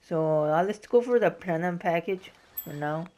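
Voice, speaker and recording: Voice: mid-range voice, moderate pace, a little mellow. A gaming host giving informal, explanatory walkthrough commentary in a casual style.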